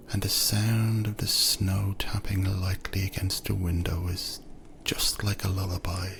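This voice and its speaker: Deep gravelly man, slow soothing whisper. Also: slight background noise. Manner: soft, soothing, drifting into whispers. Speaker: narrator. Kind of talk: second-person sleep story narration.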